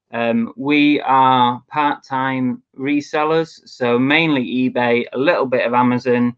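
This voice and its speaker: A man's voice: mid-range voice, fairly bright tone, clean tone. A man from England co-hosting a casual live stream, chatty and teasing with many ums. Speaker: co-host. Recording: dull lo-fi stream audio.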